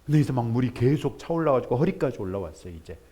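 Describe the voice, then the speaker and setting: A man preaching to his congregation, his pitch swinging widely as he tells the story. He switches between quiet, plain asides and loud, animated bursts when he plays the people in it. His voice sits at a middle pitch. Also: racing, slightly rough. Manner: animated storytelling, acts out characters in raised voice. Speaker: pastor. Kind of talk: sermon.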